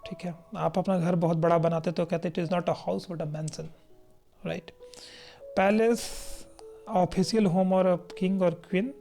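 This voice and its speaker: A teacher from India gives an exam-prep vocabulary lesson. They explain each word patiently, read definitions aloud slowly and keep checking in with the class. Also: mid-range voice, steady tone, vocal fry, mellow, faint music behind. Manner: explanatory, checks in often with "right?".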